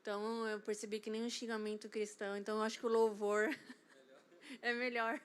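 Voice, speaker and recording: A woman with a fairly high voice and a Brazilian accent shares a testimony at a church Bible study. She tells it in a lively, casual way and laughs often. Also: a little fast. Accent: Brazilian Portuguese. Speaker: church member sharing a testimony.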